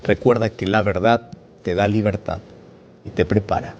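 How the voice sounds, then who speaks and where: A man preaching a sermon as a pastor, pleading with rising intensity and then praying in a hushed voice. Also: fairly even intonation, normal speed, highs cut off, slight background noise. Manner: impassioned, rising high when pleading, hushed in prayer. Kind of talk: sermon with closing prayer.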